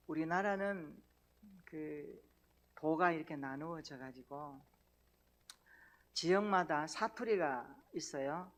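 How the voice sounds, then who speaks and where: Folksy pastor preaching. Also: male voice, fairly high pitch. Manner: folksy, tells jokes and invites the congregation. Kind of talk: sermon. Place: church sanctuary.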